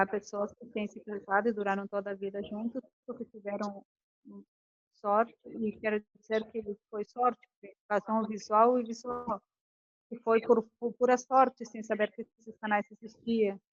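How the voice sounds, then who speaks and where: The speaker is a female communication coach lecturing a class, her voice on the high side. She animatedly acts out couples' arguments as quotes while explaining, and the audio is muffled but free of echo.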